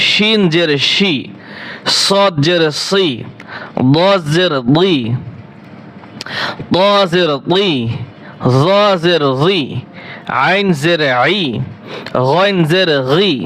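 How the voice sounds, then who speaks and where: A man teaching Quran reading, chanting each Arabic letter with its vowel sign in steady, drilled repetition. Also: high voice, rough recording. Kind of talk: slow drilled recitation lesson.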